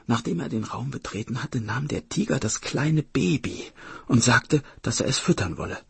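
A man narrating a folk tale in an expressive, dramatic storybook reading. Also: mid-range voice, moderate pace, gravelly, husky.

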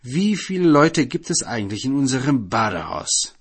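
A man voicing a self-assured village judge in a storybook tale, reasoning in a calm, matter-of-fact way. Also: mid-range voice, normal speed, breathy edge, voice pushed up.

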